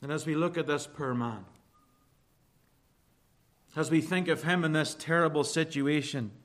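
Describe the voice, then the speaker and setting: A man with an Irish accent preaching a sermon in church, earnest and emphatic, asking rhetorical questions and slowing down to stress key phrases. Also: on the high side, a bit bright.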